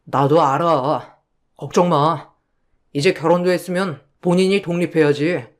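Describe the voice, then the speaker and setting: A weary young husband speaks low and slowly in a quiet, apologetic murmur, as a woman narrator puts him on. The voice sits well below her own. It has the feel of a read-aloud radio drama. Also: steady tone.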